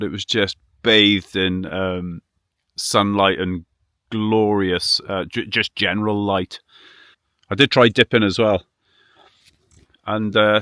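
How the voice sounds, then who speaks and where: Deep-voiced British man vlogging casually. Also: bright, forceful tone, clear, resonant tone, no room sound, studio quality. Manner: rambling, self-deprecating, mildly sweary. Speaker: vanlife vlogger. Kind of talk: casual vlog chat.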